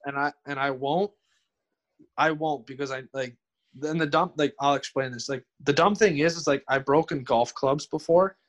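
A young man chatting casually as a podcast guest, rambling and halting, often repeating himself. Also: a little high. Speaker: guest streamer.

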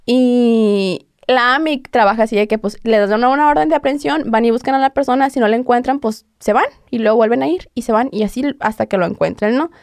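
A woman's voice: on the high side, a little fast, no room sound, studio quality. A young woman, a podcast guest telling her own story earnestly, often restarting sentences and acting out what others told her. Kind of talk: personal account in conversation.

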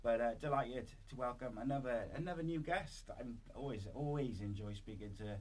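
A Welsh-accented man hosts a podcast, chatting casually and rambling with lots of "like" as filler. His voice sits at medium pitch with a darkish tone and a normal pace, and the recording is clear apart from some background noise.

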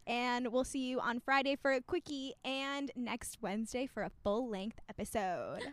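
A woman's voice: on the high side, moderate pace, no echo. A young woman co-hosting a podcast, chatting casually and reassuringly with many "like" fillers and frequent laughter. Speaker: podcast co-host. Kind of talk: casual chat.

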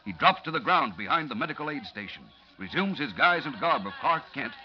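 A man's voice: medium pitch, very animated, brisk, soft background music. An American man narrating a 1940s radio serial as an old-time announcer, with a theatrical, urgent, suspense-building delivery. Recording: dull, lo-fi vintage radio recording.

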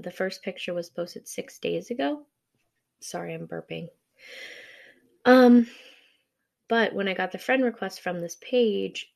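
Young woman doing a solo podcast, slow and kinda frazzled, lots of um, fry in her voice. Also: fairly low pitch. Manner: rambling with many ums, frazzled. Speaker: podcast host. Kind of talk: casual solo podcast chat.

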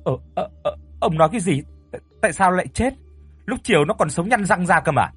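A man voicing a frightened, shrill older woman, the landlord's first wife, who stammers when she is scared. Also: very animated, fairly quick, slightly rough, no room sound, soft background music. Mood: stammering.

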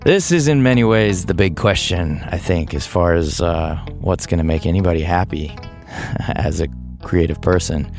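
Soft background music accompanies a man in his thirties with a low, slightly mellow voice at a moderate pace. He's hosting a podcast and thinking out loud in a reflective monologue, loosely and hesitantly, pausing to restart and laughing thoughtfully.

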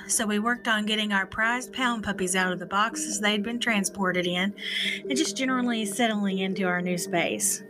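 A woman narrates a scripted first-person horror story as a podcast host, in a spooky, theatrical storytelling manner. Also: mid-range voice. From eastern Kentucky, United States. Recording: music behind the voice. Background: background music.

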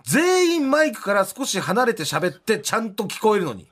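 Co-host type: high-voiced man with a very lively voice, teasing, quick to laugh. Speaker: podcast co-host. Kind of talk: casual comedy chat.

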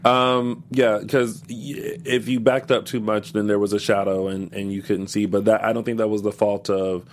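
A man talking as a guest in a casual review chat, animated and jumping into high voices when he quotes people. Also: moderate pace.

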